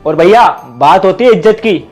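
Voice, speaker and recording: A man's voice: high-pitched, animated, moderate pace, a little mellow, soft background music, low-quality recording. A man playing a proud, touchy fake family doctor who indignantly lectures about trust and honour. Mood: offended. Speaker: actor in a web drama. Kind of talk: dramatic dialogue.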